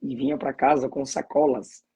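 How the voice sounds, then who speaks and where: A man's voice: medium pitch, flat delivery, moderate pace, gravelly, warm tone, slightly rough, rough recording. A man from Bahia, a pastor, speaking with fervent preacherly cadence and frequent hallelujahs. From Bahia, Brazil. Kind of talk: conversation and preaching reflection.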